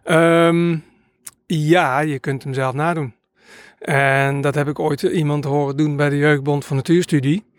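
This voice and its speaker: A slightly high-voiced man telling a rambling story. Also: fairly even intonation, measured pace, no echo, studio quality. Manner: rambling, hesitant, many filler sounds. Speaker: nature sound recordist. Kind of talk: casual interview storytelling.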